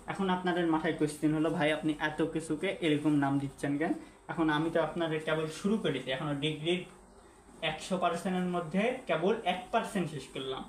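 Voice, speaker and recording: A man with a slightly high voice teaches at a whiteboard, spelling out words letter by letter and often asking his viewers questions. He is recorded in an echoey room with a faint hum underneath. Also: darkish tone. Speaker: English teacher. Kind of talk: classroom-style lesson at a whiteboard.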